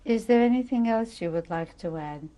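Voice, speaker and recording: A woman interviewer asking brief, gentle questions from away from the microphone. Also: a little high, lively intonation, moderate pace, poor audio.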